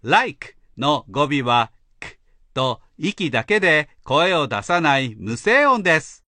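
A man explaining pronunciation rules as an English teacher, slow and careful. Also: fairly high pitch, big pitch swings, sharp tone, dry recording. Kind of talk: instructional narration.

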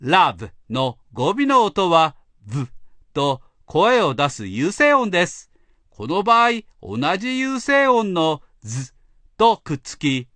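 A man explaining pronunciation rules as an English teacher, slow and careful. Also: sits high, very animated, a bit bright, no room sound. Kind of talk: instructional narration.

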